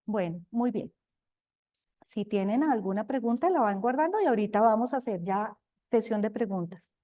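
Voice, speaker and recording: An older woman with a Colombian accent, sharing her experience expressively at a recovery group talk, sometimes speaking loudly. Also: medium pitch, normal speed, highs cut off. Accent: Colombian Spanish. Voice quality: talks loudly at times. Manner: expressive, addresses listeners as companions.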